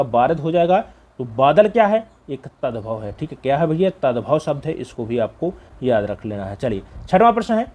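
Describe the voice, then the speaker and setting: Man, fairly high voice, exam revision teacher, repeats each answer as a question, checking fillers. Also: darkish tone. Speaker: Hindi grammar teacher.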